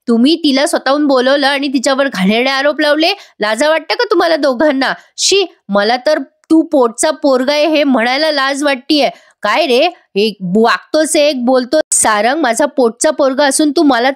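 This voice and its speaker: A woman's voice: sits high, normal speed, hardly any pauses, dry recording, studio quality, voice pushed up, close to an everyday voice. A woman voicing a stern, angry middle-aged mother who scolds her son indignantly. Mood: furious.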